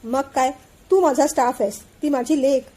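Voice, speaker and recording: A woman's voice: high voice, fairly even intonation, moderate pace, mellow, close to an everyday voice. A woman voicing a firm but affectionate father who runs the family company, in a storybook reading. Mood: fond.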